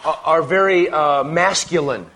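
A man preaches in short, punchy bursts, his voice sitting a little high for a man. He stops after every phrase to let his interpreter catch up, then presses on with rising emphasis. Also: pushed and bright. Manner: pauses phrase by phrase for translation, emphatic. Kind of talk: sermon with live interpreter.

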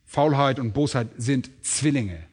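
A man's voice: medium pitch, measured pace, darkish tone. A man preaching an expository sermon in an emphatic, rhetorical way.

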